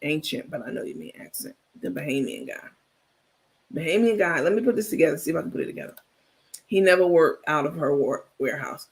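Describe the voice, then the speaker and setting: Male livestream host, high pitch with a gravelly texture, blunt and animated gossip talk. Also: fast talker. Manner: animated, talkative, blunt, laughs often. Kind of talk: casual live gossip commentary, reacting to viewer chat.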